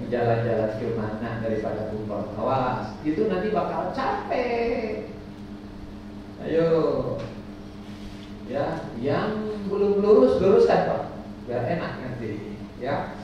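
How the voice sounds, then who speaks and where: High-voiced man teaching pilgrims, echoey hall. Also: slow, long pauses. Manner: lively, quizzes and jokes with the audience; leads group chanting. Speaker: umrah guidance teacher. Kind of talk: religious instruction to a pilgrim group. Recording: echoey distant dull recording with noise.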